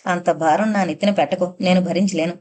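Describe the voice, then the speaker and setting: A playful young woman with a sharp, teasing wit, gently poking fun at whoever she is talking to. The delivery is light and lively, like in a read-aloud story, with a woman narrator doing the voice. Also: fairly low pitch, brisk, natural voice. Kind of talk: audiobook character reading.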